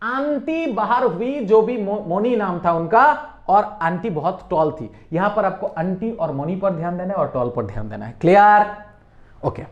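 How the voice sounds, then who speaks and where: A man's voice: high voice, moderate pace, highs cut off. A middle-aged man with an Indian accent teaching a memory trick as a story, quizzing listeners and repeating key words. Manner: lively call-and-response, repeats key words, quizzes the viewer. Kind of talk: storytelling mnemonic lesson.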